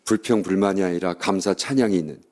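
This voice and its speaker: A man's voice: low voice, fast talker, darkish tone. A middle-aged male pastor preaching a revival sermon, telling stories animatedly and acting out the voices of the people in them.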